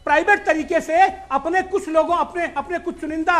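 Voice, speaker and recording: A man's voice: extremely high pitch, steady tone, a little fast, a bit bright, soft background music. A man speaking as an opposition politician in a heated TV news debate, insistent and repeating himself as he talks over the anchor on a remote link.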